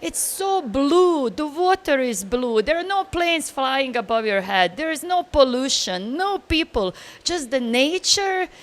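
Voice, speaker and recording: High-voiced woman traveller. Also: measured pace. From Bosnia. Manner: animated storyteller, laughs easily, loose grammar. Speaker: guest traveller. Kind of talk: casual interview answers.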